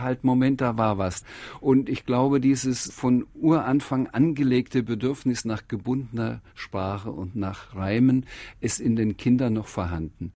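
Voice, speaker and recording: Reflective man with a dark voice. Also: lowish voice, no room sound. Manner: reflective, searching. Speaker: interviewed author. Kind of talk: thoughtful interview talk.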